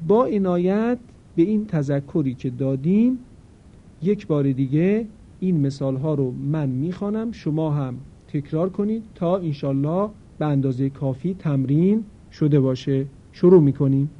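A fairly high-voiced man teaching Quran recitation. He explains each rule plainly and then stretches his examples into slow, drawn-out chanted recitation. The recording is dull and lo-fi. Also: animated. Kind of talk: recorded tajweed lesson.

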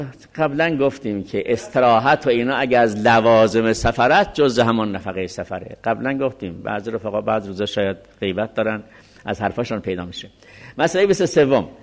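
A man's voice: mid-range voice, fairly bright tone. A middle-aged man teaching a seminary class, reading passages from a legal text and explaining them step by step. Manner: explains step by step, reads Arabic text then restates it.

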